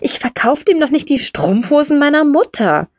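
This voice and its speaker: A curious young woman in an audiobook, short on money and full of questions, as the narrator reads her. Her voice swings widely in pitch, recorded close and dry. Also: sing-song, moderate pace, no echo. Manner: inquisitive, surprised questions.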